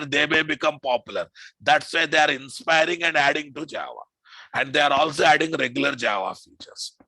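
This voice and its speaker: A male coding instructor with a Telugu Indian English accent speaks in a slightly high, pushed and bright voice. His informal lecture is emphatic and repetitive, with frequent questions to the class, captured in a rough recording without room sound.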